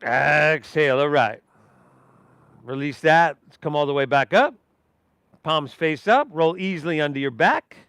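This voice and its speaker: Male yoga instructor, clear resonant voice on the higher side, dry close sound, easygoing and encouraging. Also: lively intonation, unhurried, long pauses, a bit bright, no echo. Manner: encouraging, easygoing, addresses the class informally. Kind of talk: guided yoga class instruction.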